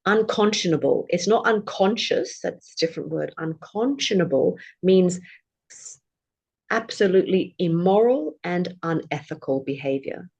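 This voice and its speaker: A woman's voice: fairly low pitch, lively intonation, normal speed, creaky, a little mellow, husky. A woman, a former prosecutor, explaining legal vocabulary in an articulate way and giving examples. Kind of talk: conversational explanation.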